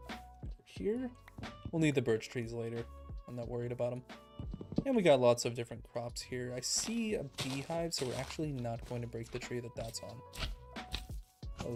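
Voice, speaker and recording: A man casually commenting on his own gameplay as a streamer, relaxed and self-deprecating, thinking out loud and a little out of breath. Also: medium pitch. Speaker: let's play streamer. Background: background music.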